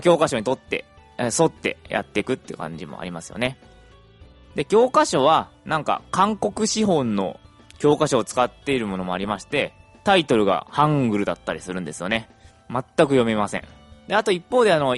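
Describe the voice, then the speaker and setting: Young male podcaster, casual and talkative, very animated pitch, soft music in the background. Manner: chatty, lively intonation, many fillers.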